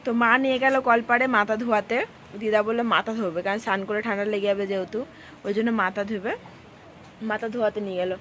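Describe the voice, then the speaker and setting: A woman's voice: mid-range voice, fairly even intonation, fast talker, fairly bright tone, slight background noise. A woman, chatting to viewers in a casual home vlog. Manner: chatty, talks to viewers directly. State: hoarse. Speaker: vlogger.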